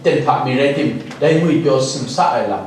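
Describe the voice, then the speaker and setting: A man's voice: medium pitch, fairly quick, darkish tone. A male pastor preaching a sermon, dropping English words into his speech now and then. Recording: very echoey hall, distant mic, faint noise.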